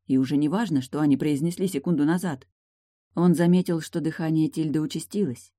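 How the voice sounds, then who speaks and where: A narrator reading a novel aloud in a steady, even way. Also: female voice, low-pitched, no room sound, clean studio sound. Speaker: audiobook narrator. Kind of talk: audiobook narration.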